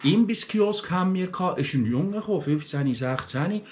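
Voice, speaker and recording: A man's voice: sits high, animated, moderate pace. A middle-aged man with a Swiss German accent from Aargau, chatting casually to his followers and telling stories with many fillers and restarts. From Switzerland, grew up in Aargau. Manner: chatty, storytelling, many fillers and restarts, mimics other dialects. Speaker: vlogger. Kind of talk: casual rambling monologue.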